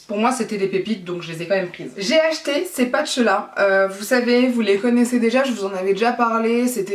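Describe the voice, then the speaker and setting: Recorded from a distance in an echoey room, a beauty vlogger with a mid-range voice chats enthusiastically about her purchases in a casual haul video. She rambles and corrects herself as she goes.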